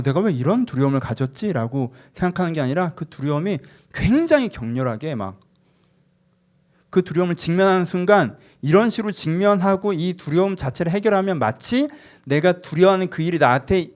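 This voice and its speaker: Male pastor preaching with lively storytelling. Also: on the high side. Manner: animated storytelling, acts out inner voices loudly. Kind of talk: sermon.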